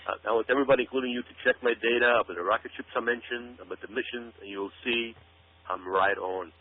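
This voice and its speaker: This male radio guest talks fast in a steady, mid-range voice while pushing conspiracy-minded ideas. He leans on repetition of words and phrases for stress and speaks emphatically. The sound is thin and phone-like, as on radio.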